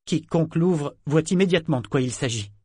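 An earnest young boy explains things gravely and carefully, voiced by a man reading a novel. The voice is lifted somewhat above the reader's own. The reading is dry and close to the mic. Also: a little high, lively intonation, fairly quick, dark tone, no echo, pitched above the performer's own voice. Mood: careful, explaining.

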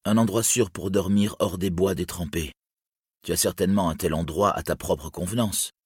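A stern young outlaw captain, grave and commanding, with a bitter edge, as a man puts him on. The voice is deep and husky, in a dry storybook reading. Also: moderate pace, no echo.

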